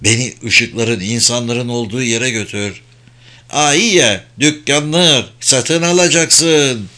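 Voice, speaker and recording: A man reading a novel aloud as narrator, in a steady reading voice. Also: fairly low pitch. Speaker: audiobook narrator. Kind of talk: scripted narration.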